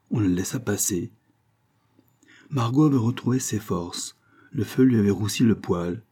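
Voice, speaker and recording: A man narrates a classic novel in a low, dark voice with a husky edge. He reads steadily and evenly, lifting his pitch and volume for the characters' lines. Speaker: audiobook narrator.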